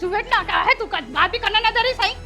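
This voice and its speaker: A woman's voice: extremely high pitch, expressive, quick pace, pushed and bright, faint music behind, full character voice. An actress playing a stubborn, guilt-tripping mother in a comic family skit. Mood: bossy. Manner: scolding, emotional, guilt-tripping. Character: nagging, stubborn older mother-in-law type.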